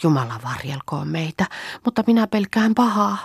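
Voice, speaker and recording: A woman's voice: lowish voice, lively intonation, vocal fry, slightly rough, dry recording, studio quality, voice pushed up, heavily acted. A woman voicing a timid, frightened young farm girl who laments fearfully.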